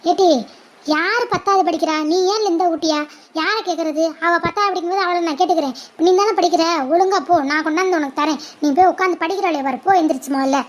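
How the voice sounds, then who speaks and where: A woman voicing a harried mother who scolds her daughters loudly and with exasperation. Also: very high voice, quick pace. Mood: scolding.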